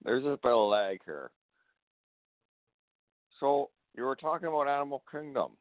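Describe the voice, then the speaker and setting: Male caller on a delayed, phone-quality line, hesitant and pausing, casual chat. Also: medium pitch, lively intonation, no echo. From Alabama, US. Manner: halting, many "uh" pauses. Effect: laggy phone line with delay. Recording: tinny dry phone line.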